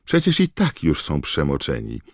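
A man's voice: a bass voice, wildly swooping pitch, normal speed, dry recording, studio quality, heavily acted. A man voicing a mischievous male poltergeist with a squealing, giggling voice. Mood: cackling, gleeful.

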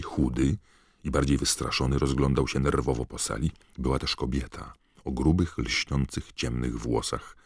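A man narrating an audiobook with measured, even storytelling. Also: very deep voice, husky, no room sound, studio quality. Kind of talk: scripted narration.

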